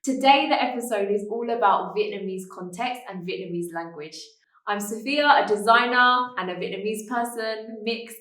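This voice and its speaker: A British woman from the United Kingdom hosts a conversational podcast, speaking in British English. She is animated, acts out quoted voices and laughs easily, with a medium-pitched voice at a moderate pace in a rough recording.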